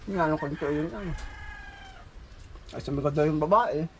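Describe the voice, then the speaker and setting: A man's voice: on the high side, normal speed, a little hiss or hum. A man hosting a casual vlog, chatting and telling a funny story over a meal, laughing often. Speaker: vlog host.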